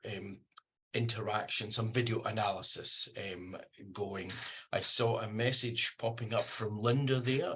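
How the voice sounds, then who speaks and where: Scottish man, bright husky voice, lots of ums. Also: lowish voice. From Scotland. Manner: hesitant, many ums and restarts. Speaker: guest speaker. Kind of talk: online presentation talk. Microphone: video call.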